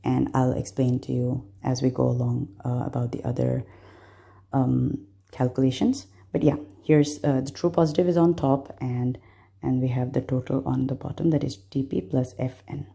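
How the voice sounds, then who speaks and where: A woman's voice: very deep voice, little pitch movement, normal speed, vocal fry, warm tone. A woman from Bangladesh, a medical student walking through exam concepts step by step, patient, with frequent fillers.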